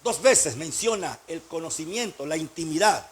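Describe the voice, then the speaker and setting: A man's voice: a little high, animated, moderate pace, slightly rough. A man preaching a sermon as pastor, speaking emphatically and asking his congregation rhetorical questions.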